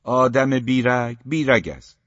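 A man reading an audiobook voices a gruff, scornful middle-aged father who mocks and growls. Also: mid-range voice, expressive, a bit bright, no room sound, pitched above the performer's own voice, lightly acted. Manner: mocking, growling. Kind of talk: audiobook character voice. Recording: dull, muffled dry recording.

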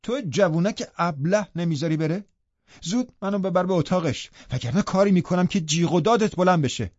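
A man's voice: on the high side, animated, darkish tone, no room sound, pitched above the performer's own voice. Scolding middle-aged housekeeper, man voicing her, dry dull recording. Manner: scolding, urgent. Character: stern middle-aged woman housekeeper, sharp-tongued. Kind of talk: audiobook character voice.

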